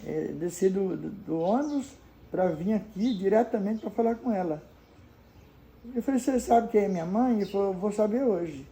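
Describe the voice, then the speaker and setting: A woman's voice: medium pitch, expressive, normal speed, warm tone, low-quality recording. An older woman from Brazil telling childhood memories in a homely, casual way, acting out the dialogue of the people in her story. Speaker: storyteller answering viewer questions.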